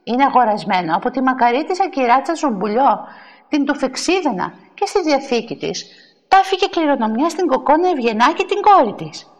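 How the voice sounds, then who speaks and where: A woman's voice: sits high, sing-song. A woman voicing a polite female church official who explains the rules to settle a quarrel. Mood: placating. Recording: long hall reverb.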